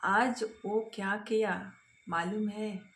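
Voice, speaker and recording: Brief: woman voicing a heartbroken father, slow and repetitive, roomy echo. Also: medium pitch, fairly even intonation, a bit bright. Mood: pleading. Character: grieving father, middle-aged husband.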